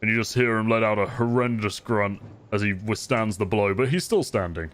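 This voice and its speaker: A man's voice: fairly low pitch, fairly quick, a bit bright, a little hiss or hum. A man running a tabletop game as game master, narrating the fight in vivid detail and laughing often.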